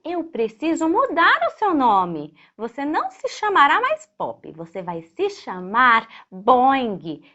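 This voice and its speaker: A woman's voice: high-pitched, huge pitch swings, takes it slowly, few pauses, bright, forceful tone, muffled recording, exaggerated voice. A woman voicing an earnest, determined young boy in a children's story, eagerly reasoning aloud.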